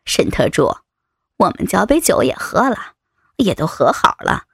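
A lecherous male vice president with a low, sliding voice and a mocking, teasing tone, as a woman puts him on. He sounds husky and breathy, and the sound is dry and close. It comes from an adult audio story. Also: huge pitch swings, measured pace, fairly bright tone, no room sound, heavily acted. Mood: leering. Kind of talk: erotic audio story reading.

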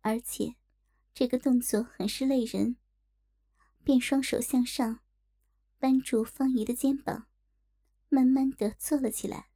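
Mellow woman reading a story aloud. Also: on the high side. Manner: steady, measured reading. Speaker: audiobook narrator. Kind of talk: storybook narration.

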